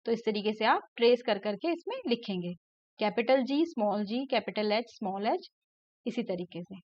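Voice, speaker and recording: A woman teacher patiently walks young pupils through a first-grade English textbook lesson, explaining in Hindi while repeating English letter sounds and words. Her voice is a little high, expressive and darkish, at normal speed. The recording is dry and slightly dull lo-fi.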